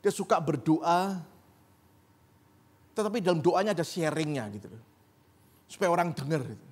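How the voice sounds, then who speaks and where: A man's voice: on the high side, normal speed, breathy edge. A man preaching a sermon as pastor in a church, conversational and rising to emphatic peaks. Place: church sanctuary.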